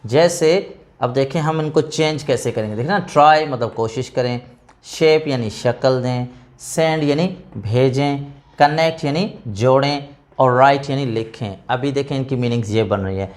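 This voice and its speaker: A man's voice: mid-range voice, moderate pace. A man teaching English vocabulary to students, patiently repeating each word with its meaning. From South Asia.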